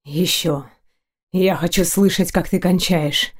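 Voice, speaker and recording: A woman voicing a brooding young male dark knight in an audiobook, hoarse and growling, speaking low and breathy. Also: fairly even intonation, normal speed, close to an everyday voice. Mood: husky, passionate. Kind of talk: audiobook character voice.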